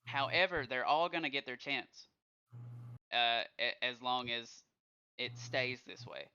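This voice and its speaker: A man co-hosting a podcast in casual chat, encouraging and quick to give shout-outs. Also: mid-range voice, clean tone. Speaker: podcast co-host. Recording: dull lo-fi sound.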